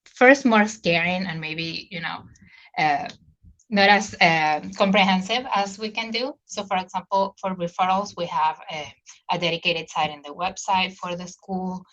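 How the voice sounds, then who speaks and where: A woman's voice: lowish voice, fairly bright tone, highs cut off. A middle-aged woman from Venezuela with a Spanish accent, presenting as a clinic care coordinator on a video call, hesitant with many fillers. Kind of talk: webinar presentation.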